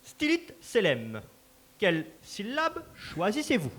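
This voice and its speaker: A man's voice: high-pitched, huge pitch swings, takes it slowly, a bit bright, exaggerated voice. A man performing a formal, ceremonious master of a verbal joust in a live stage reading. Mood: solemn. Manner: formal, solemn announcer.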